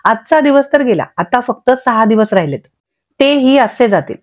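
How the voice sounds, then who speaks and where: A woman's voice: fairly high pitch, lively intonation, normal speed, natural voice. A woman voicing a scheming older man who mocks and taunts with boastful scorn. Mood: taunting. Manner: mocking, boastful. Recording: dull lo-fi audio.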